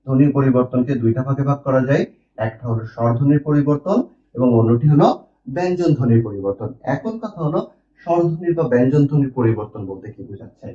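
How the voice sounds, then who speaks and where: A man's voice: mid-range voice, lo-fi sound. Man teaching grammar in a roomy distant echo. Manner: explains patiently, asks and answers his own questions. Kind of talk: online grammar lesson.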